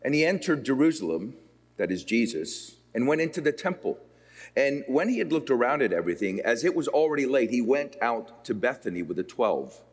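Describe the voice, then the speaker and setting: A man from Puerto Rico preaching in a seminary chapel, his pitch rising and falling a great deal. He shifts between slow, weighted phrases and quicker runs. A long hall reverb trails his words. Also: sing-song, breathy edge. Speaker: pastor. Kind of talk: sermon with scripture reading.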